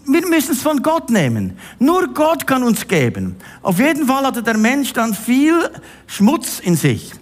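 A man's voice: extremely high pitch, wildly swooping pitch, a little slow. A middle-aged man preaching a sermon, addressing the listener directly and with emphasis.

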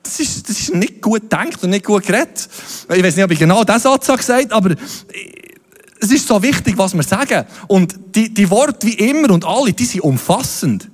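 A man's voice: sits high, a little fast. A man preaching a sermon, telling stories with playful asides. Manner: lively storytelling with playful asides. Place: church hall. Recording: long hall reverb.

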